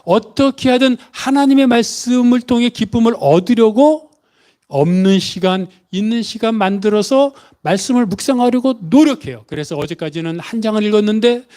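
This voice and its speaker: A man's voice: high voice, animated, normal speed, dark tone. A man preaching a Sunday sermon as pastor, emphatic, asking rhetorical questions and stretching key words. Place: church sanctuary.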